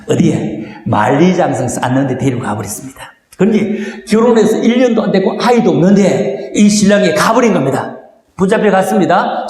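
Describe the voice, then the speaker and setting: An older man lecturing a live audience in a large meeting hall through a small microphone, animated and quizzing the crowd with questions. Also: sits high. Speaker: lecturer at a gathering. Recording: very echoey hall with long reverb.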